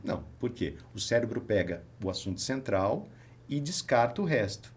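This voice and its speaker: A man's voice: medium pitch, normal speed, a little hiss or hum. A man with a Brazilian accent hosting a casual podcast chat as a therapist, telling stories and acting out his talks with patients. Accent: Brazilian Portuguese. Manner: animated storyteller, acts out dialogue with patients.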